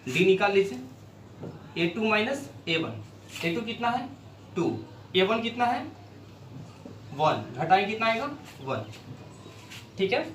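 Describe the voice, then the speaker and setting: A man's voice: high-pitched, big pitch swings, slow, pauses often, fairly bright tone. A man teaching a maths lesson, asking questions and answering them himself as he works problems on a board. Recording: echoey room, mic far off, faint noise.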